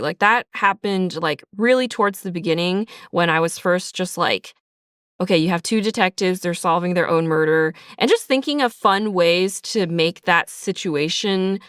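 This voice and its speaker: Being interviewed behind the scenes, a woman who writes audio drama talks in a chatty, casual way, full of "like" and "sort of." She has a medium-pitched, fairly bright, clean-toned voice, captured at studio quality without echo.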